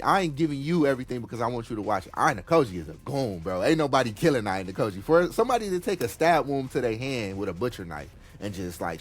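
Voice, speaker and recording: A man hosting a casual podcast chat, retelling a story in an animated, slangy, excitable way. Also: medium pitch, a little hiss or hum. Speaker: podcast host.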